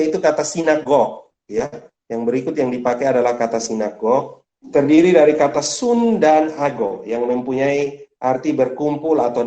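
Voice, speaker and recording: A man teaching a church study group with a mellow, dark voice, taking it step by step and checking in with a quick "ya". He pushes his pitch up sharply on key words. The sound has a clear room echo. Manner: explains step by step, often adds a questioning "ya".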